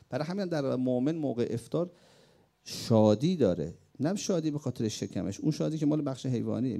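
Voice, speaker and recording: Middle-aged male preacher, gravelly and mellow, animated sermon that rises to emphatic questions. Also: mid-range voice. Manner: animated, rising to emphatic outbursts and questions to the audience. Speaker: preacher and war veteran. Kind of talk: religious sermon with war memories.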